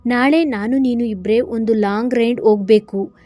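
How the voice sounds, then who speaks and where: A woman voicing a proud, sharp-tongued young female college student who talks in a brash, bossy way in a storybook reading. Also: on the high side, normal speed, dry recording, soft background music, lightly acted. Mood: determined.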